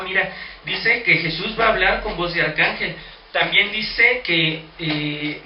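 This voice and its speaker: A man's voice: on the high side, a little hiss or hum. A man teaching a Bible study lesson, explaining step by step and asking rhetorical questions. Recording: echoey room, distant mic, dull sound.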